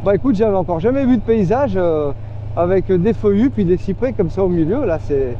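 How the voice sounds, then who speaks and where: A man's voice: high voice, animated, fairly quick, warm tone, muffled recording, a little hiss or hum. A man giving live, chatty commentary to himself and his viewers while riding a motorcycle, full of fillers and asides. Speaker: motorcycle vlogger. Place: on a motorcycle outdoors on the road.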